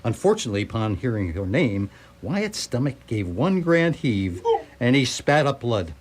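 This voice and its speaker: Very animated at a moderate pace, this mid-pitched male narrator reads a scripted story in a wry, literary way. The setting is a live radio theatre performance.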